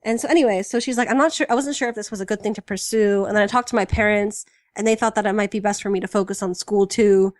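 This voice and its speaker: A woman's voice: medium pitch, fairly even intonation, fast talker, a little mellow, no echo. Chatty, enthusiastic young woman, dry mic. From United States. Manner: chatty and enthusiastic, many fillers. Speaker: podcast co-host. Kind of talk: casual fan podcast chat.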